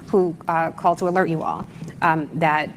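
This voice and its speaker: A woman interviewer who lays out a timeline of facts in a measured way before she asks her question. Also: low-pitched, fairly even intonation, slight background noise.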